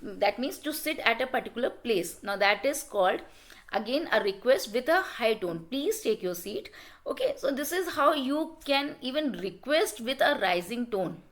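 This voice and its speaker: A high-pitched woman with an Indian English accent teaching a class. She explains step by step, slips into Hindi now and then, and keeps asking "okay?" to check that students follow. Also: animated, moderate pace, fairly bright tone. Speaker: lecturer. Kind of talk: classroom lecture.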